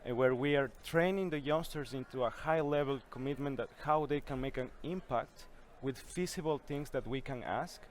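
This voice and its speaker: A man's voice: mid-range voice, moderate pace, few pauses, slight background noise. Earnest young man. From Ecuador. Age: young adult. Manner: earnest, with a few restarts. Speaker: youth climate coalition founder, guest. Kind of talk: conversational interview answers. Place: busy conference venue.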